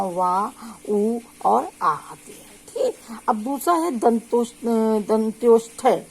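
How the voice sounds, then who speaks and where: A woman lecturing as a teacher, her voice sitting a little high. She talks through each point steadily, stretching out example syllables and pausing often to check the class is following. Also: darkish tone, husky, rough recording. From India. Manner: slow, drawn-out sample syllables with frequent check-ins. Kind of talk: spoken lecture on phonetics.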